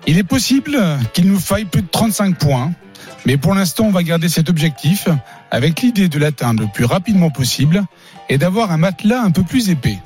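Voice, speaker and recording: A man runs a lively sports quiz from a radio studio, reading each riddle and quote in a clear, announcing way. His voice sits a little high, and soft music plays underneath. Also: brisk.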